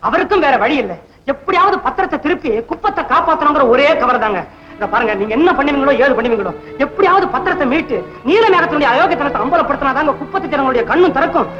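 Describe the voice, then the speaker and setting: A woman's voice: high-pitched, expressive, fast talker, music in the background. An actress playing an earnest young village woman urging someone to act, in 1960s film acting style, on an echoey, dull old film soundtrack. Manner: earnest, urgent.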